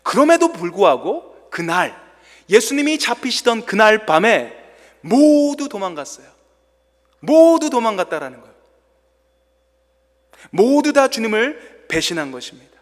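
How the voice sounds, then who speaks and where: A male pastor delivers a sermon in a church, his voice sitting high and swinging widely in pitch as he tells the story with dramatic flair. A long reverb from the hall trails behind his words. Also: big pitch swings, unhurried, long pauses.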